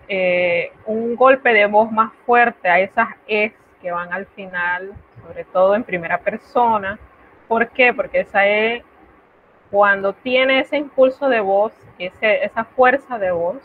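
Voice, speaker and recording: Speaking at medium pitch, a woman leads a recorded online French class, explaining patiently in stages and enunciating every example carefully. Slight background noise sits under tinny, lo-fi audio that resembles a phone.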